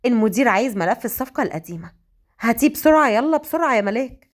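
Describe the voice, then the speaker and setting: A woman with an Egyptian accent voicing a bossy young female coworker, quick and scolding. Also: on the high side, animated, lightly acted. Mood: irritated. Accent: Egyptian Arabic.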